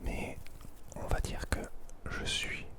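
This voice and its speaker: An ASMR host whispering right up against the microphone in a hushed, soothing, repetitive manner, as if guiding someone to sleep. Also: takes it slowly. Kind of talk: whispered French ASMR, slow guided sleep relaxation. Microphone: very close to the microphone.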